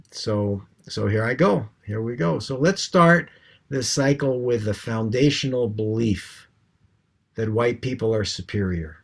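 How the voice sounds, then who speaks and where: A man co-hosting a casual discussion, talking with many hesitant restarts and fillers. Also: fairly low pitch. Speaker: co-host.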